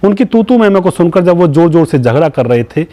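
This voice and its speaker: Male channel host, somewhat high voice, narrates a true crime case straight to the audience, keeps calling them friends and moralizes. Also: sing-song, fairly quick, dark tone. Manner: keeps addressing viewers as friends; moralizing, asks viewers for opinions. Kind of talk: retelling a true crime story to viewers.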